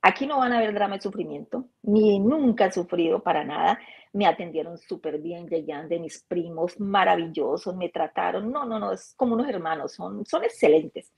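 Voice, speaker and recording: Female guest, mellow tone, animated storyteller who voices the people in her tales. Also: on the low side, moderate pace, creaky, husky. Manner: animated, acts out dialogue in her anecdotes. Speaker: interview guest. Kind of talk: casual storytelling.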